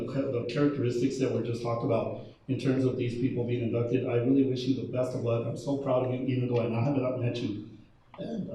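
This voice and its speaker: A man's voice: mid-range voice, mellow. A man from El Paso giving a keynote speech at a school ceremony, with many fillers and restarts. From El Paso, Texas. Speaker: keynote speaker. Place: large echoey hall. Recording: echoey hall from far off, faint noise.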